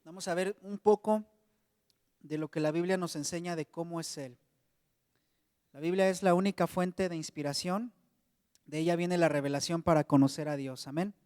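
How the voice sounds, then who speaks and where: A man's voice: a little high, fairly even intonation, moderate pace, pauses often, darkish tone, no room sound, studio quality, big-room sound. A man with a Mexican Spanish accent preaching a sermon to a congregation, in a conversational way, often calling them brothers.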